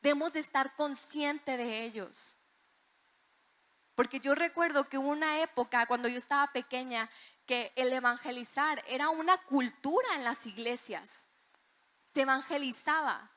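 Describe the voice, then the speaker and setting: Bright high-voiced woman preaching. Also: normal speed. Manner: animated storytelling, acts out voices in quotes. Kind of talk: sermon with personal testimony.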